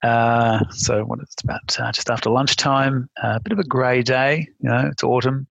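A man from Melbourne, a guest on a podcast over a video call, speaking thoughtfully with many pauses and fillers. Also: medium pitch, fairly even intonation, vocal fry, fairly bright tone, no echo, highs cut off. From Melbourne, Australia. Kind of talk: casual interview chat.

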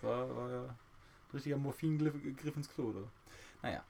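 A man's voice: fairly quick, vocal fry. A man co-hosting a podcast in casual banter, rambling and joking as he talks. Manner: rambling, joking, lively swings in pitch. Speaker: podcast co-host.

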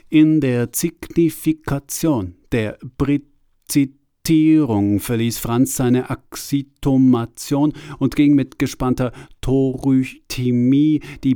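A man narrating a scripted literary story, reading invented words in a deadpan, earnest manner. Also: mid-range voice, clear, resonant tone, no room sound, clean studio sound.

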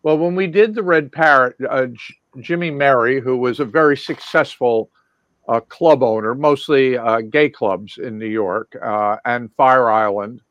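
A man speaks in a middle-pitched voice, rambling casually through his memories with plenty of ums and restarts. The sound is dull and lo-fi, and very dry, with no room sound at all. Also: measured pace, a bit bright, dry recording. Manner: rambling, many fillers and restarts. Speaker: guest lighting designer. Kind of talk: casual recollection.

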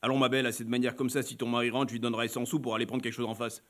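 A man's voice: mid-range voice, level tone, a bit bright, slight background noise, voice pushed down, natural voice. A man voicing a brash, mocking stranger. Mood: smug. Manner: slangy, mocking, unhurried. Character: brash, overfamiliar man, coarse and sure of himself. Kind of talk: audiobook reading.

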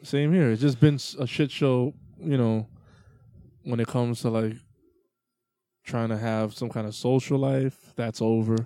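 Crude joking man, mellow voice. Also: medium pitch, steady tone, measured pace, no room sound, studio quality. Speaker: podcast co-host. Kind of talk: casual podcast chat.

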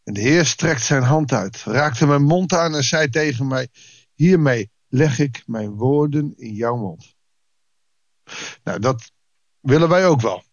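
A male pastor giving a daily Bible devotional, lively, acting out people's excuses in quoted voices. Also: medium pitch, slow, no room sound, highs cut off.

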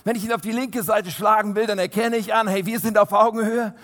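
A man preaching a sermon to a congregation. He is animated, swinging from loud emphasis to soft, quiet asides. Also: sits high, brisk. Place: church hall. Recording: long hall reverb.

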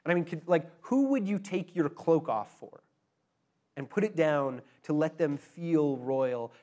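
A man delivers a sermon in a slightly higher-than-usual voice. He explains scripture in a conversational, teaching way, often restarting or correcting himself mid-phrase. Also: dark tone. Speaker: preacher.

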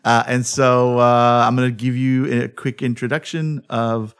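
A man's voice: mid-range voice, little pitch movement, unhurried, smooth. A man hosting a podcast from an office, chatting playfully with lots of laughs and restarts, then reading a guest's bio. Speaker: podcast host. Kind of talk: casual chat and reading a bio. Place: office in a house.

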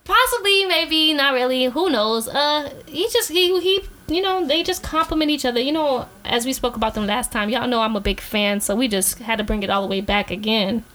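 Woman co-host, relaxed slang-heavy delivery, upper-range pitch. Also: moderate pace, hardly any pauses. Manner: slangy, laid-back, laughs often. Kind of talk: casual podcast chat.

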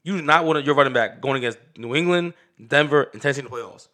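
A man co-hosting a casual fantasy football chat, animated and emphatic, joking as he argues his picks. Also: mid-range voice, fast.

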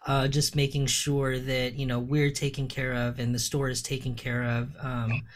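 A woman guest on a casual podcast speaks hesitantly, full of fillers. Her voice is extremely low. A steady hiss and clicks sit under her voice. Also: normal speed. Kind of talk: casual chat. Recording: noisy line with clicks.

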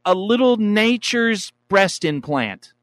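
A man's voice: high-pitched, animated, slow, a bit bright, dry recording, clean studio sound. A man hosting a podcast with casual comic banter and a teasing, showman-like manner. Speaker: podcast host.

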